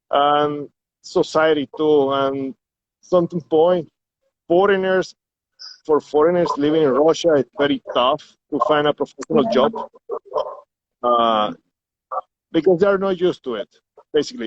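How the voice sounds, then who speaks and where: A Venezuelan man, a guest in a casual interview, speaks English in a fairly high voice, hesitating and repeating words while he searches for the right English. The sound is muffled and dry.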